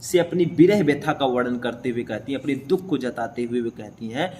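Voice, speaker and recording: A man's voice: medium pitch, brisk, darkish tone, a little hiss or hum. A young man teaching a class, explaining a poem line by line and often checking in with his listeners.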